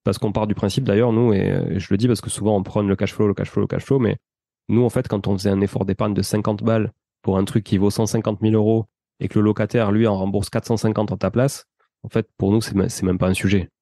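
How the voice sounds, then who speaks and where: Speaking fast in a level tone, his fairly low voice creaky yet mellow, a property investor and entrepreneur from France with Portuguese roots recounts his experiences. The casual interview finds him slangy, chatty and explanatory, in a dry, clean studio recording.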